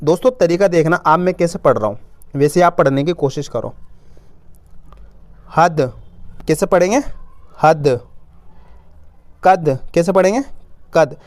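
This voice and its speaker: Speaking at a measured pace with long pauses, this man has a slightly high, darkish voice and no echo around him. He teaches children to read in informal spoken Hindi, using "apan" for "we", patiently sounding out every word step by step and answering the questions he poses himself.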